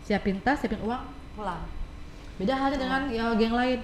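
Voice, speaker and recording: A woman's voice: on the high side, moderate pace. A woman guest speaker with an Indonesian accent, chatting casually and acting out the people in her stories. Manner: animated storytelling, acts out quoted people. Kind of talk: casual talk show chat. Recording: echoey room, faint background noise.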